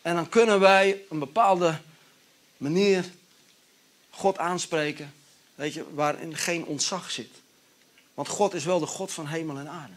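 A man's voice: on the high side, a little slow, pauses often. A male pastor preaching a sermon in a conversational, storytelling way.

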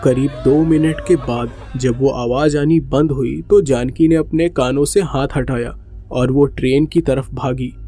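A man narrating a horror story in a steady, suspenseful way. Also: mid-range voice, unhurried.

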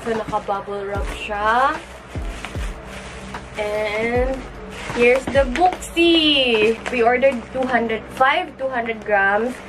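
A woman's voice: a little high, takes it slowly, over music. A woman with a Filipino accent, gushing through a casual unboxing vlog in her bedroom and mixing English with Tagalog. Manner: gushing, excitable exclamations. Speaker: vlogger.

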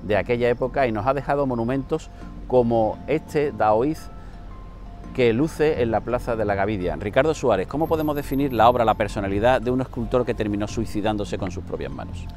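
A man's voice: medium pitch, fairly quick, darkish tone, faint music behind. A middle-aged man hosting a cultural interview outdoors in a city square, fluent and assured. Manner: fluent, assured, literary phrasing. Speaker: host and interviewer.

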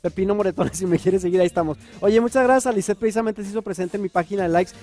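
Fast, high-voiced playful male host. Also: a little mellow, soft background music. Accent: Northern Mexican. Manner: playful, jokey, reads viewer messages aloud. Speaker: morning show co-host. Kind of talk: lively morning TV chat. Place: TV studio.

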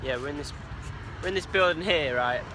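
A man's voice: on the high side, a little fast, noisy background. Casual young man with a lightish voice. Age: late teens. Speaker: vlogger. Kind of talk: casual vlog chat. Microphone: phone at arm's length. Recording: phone vlog with music over it.

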